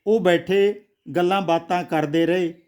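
A man's voice: sits high, fairly even intonation, a little slow, darkish tone, smooth. A man doing a rude, bitter young man. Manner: rude, blunt tone.

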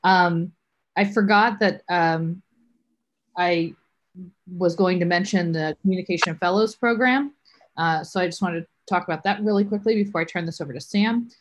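A young woman with a lowish voice hosts a livestream over a video call from an office. She talks in a chatty way, often pausing on fillers before she hands over to the next guest. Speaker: host.

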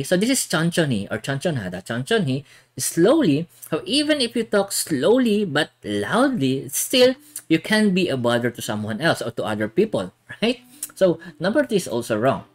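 A woman, patiently explaining Korean vocabulary in an exam-prep lesson and checking in often. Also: deep voice. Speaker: Korean language teacher. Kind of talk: exam-prep lesson mixing English and Tagalog.

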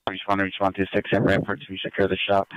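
A man's voice: low voice, completely flat delivery, quick pace, dry recording, rough recording. A man working as a police dispatcher, relaying status reports procedurally over a police radio. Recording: police scanner radio transmission.

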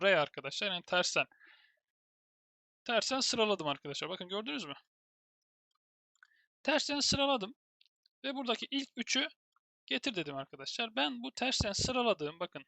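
A man's voice: high-pitched, pushed and bright, dry recording. A man teaching a screen-recorded terminal lesson, thinking aloud as he types and often turning to speak to his viewers as friends. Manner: thinks aloud while typing, keeps addressing viewers as "friends". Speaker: programming instructor.

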